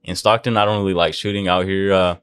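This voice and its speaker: Deep-voiced young man, slangy bro talk. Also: steady tone, fast talker, fairly bright tone, clear, resonant tone, dry recording. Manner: bro-heavy slang, profane, laid-back street talk. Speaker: videographer, podcast guest. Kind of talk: casual slangy podcast chat.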